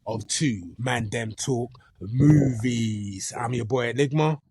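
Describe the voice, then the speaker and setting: A man's voice: medium pitch, slow pace, vocal fry, darkish tone, slightly rough, no room sound, clean studio sound. A man co-hosting a film review podcast in a casual, chatty style. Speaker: podcast co-host reviewing films. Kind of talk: casual chat.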